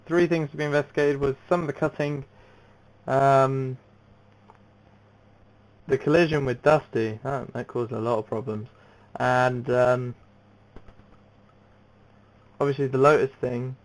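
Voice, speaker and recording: A young man commentating on an amateur racing league, excitable and rambling, with many fillers and restarts. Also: mid-range voice, unhurried, long pauses, poor audio. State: out of breath. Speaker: race commentator.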